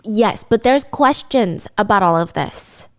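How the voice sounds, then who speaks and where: A woman's voice: medium pitch, measured pace. A woman hosting a true-crime podcast, retelling a case in a casual, conversational way and briefly acting out quotes. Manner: lively, acts out quotes in character. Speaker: podcast host.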